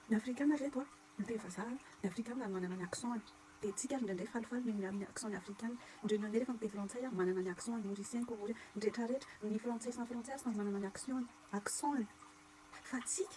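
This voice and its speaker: A woman from Madagascar with a Malagasy accent, giving casual TikTok commentary in rapid, repetitive bursts with whispered asides. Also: a little high, warm tone, slight background noise, rough recording.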